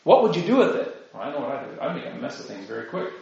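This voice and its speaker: A man's voice: mid-range voice, big pitch swings, fast talker, vocal fry, a little mellow. A man, a priest, giving a conversational talk to a group, often tossing in rhetorical "right?" asides. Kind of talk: informal lecture to a group. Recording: very echoey room, dull lo-fi sound.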